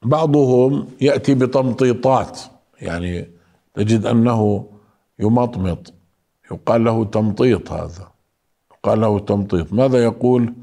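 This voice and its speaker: A man teaching Quran recitation rules, explaining slowly and calling his listeners beloved ones. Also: mid-range voice, mellow. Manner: explains slowly, then chants verses in a drawn-out melody. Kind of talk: recitation lesson with chanted examples.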